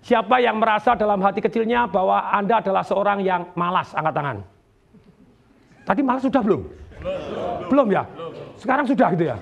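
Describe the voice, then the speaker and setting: Male motivational speaker, high and gravelly, animated, quizzes the crowd; live seminar room with audience noise. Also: a little fast, long pauses. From Indonesia.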